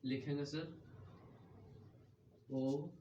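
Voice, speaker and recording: A grammar teacher drills his class by asking a question and answering it himself, calling everyone sir. His voice sits a little high. He is recorded from a distance on a muffled mic in an echoey room. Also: steady tone, drawn-out words, warm tone, a little hiss or hum. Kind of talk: grammar lesson with call-and-response drilling.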